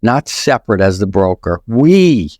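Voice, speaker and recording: A man's voice: lowish voice, very animated, measured pace, a little mellow, dry recording, clean studio sound. A man with a New York accent, a podcast guest who talks emphatically and lays out his points one after another. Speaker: guest, real estate broker and author. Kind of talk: casual podcast conversation.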